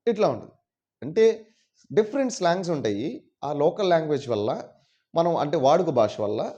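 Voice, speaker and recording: A man teaching English in a casual video lesson, explaining patiently and repeating words slowly. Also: on the high side, mellow. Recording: dull lo-fi sound.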